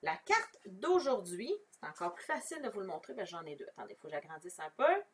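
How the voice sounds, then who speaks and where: A woman with a Québécois French accent runs a casual, chatty craft tutorial, talking through each step and answering viewers. Her mid-range voice swings widely in pitch and moves fairly quickly. She sounds somewhat distant from the microphone.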